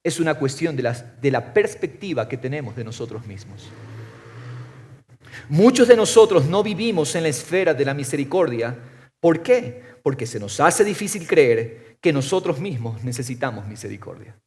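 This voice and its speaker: A man preaching a sermon as pastor, firing off rhetorical questions and swinging from loud to soft. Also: a little high, big pitch swings, normal speed. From Ecuador.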